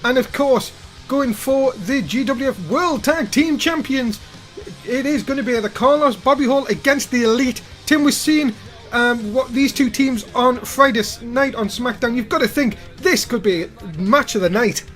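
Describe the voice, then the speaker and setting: High-pitched male wrestling pre-show host. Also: moderate pace, a bit bright, faint music behind. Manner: announcer-like, addresses co-panellists and audience. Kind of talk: wrestling event preview presenting.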